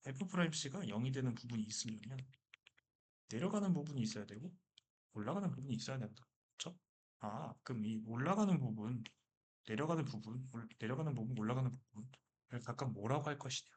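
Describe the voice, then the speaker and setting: Man, math teacher, husky voice, lively lecture, asks and answers his own questions. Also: mid-range voice, a little fast.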